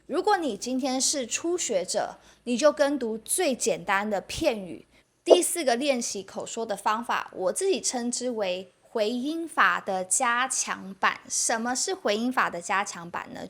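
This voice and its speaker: A young woman, explaining a lesson clearly and patiently. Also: a little high, fairly bright tone. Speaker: Mandarin teacher. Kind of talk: podcast-style spoken lesson.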